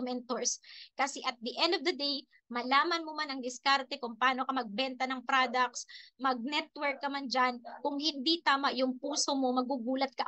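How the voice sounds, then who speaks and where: A high, bright-voiced middle-aged woman shares her personal testimony with a group in a lively, animated way. She slides between Tagalog and English as she talks, and the recording is close and dry. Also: dry recording. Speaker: network marketing member giving a testimony.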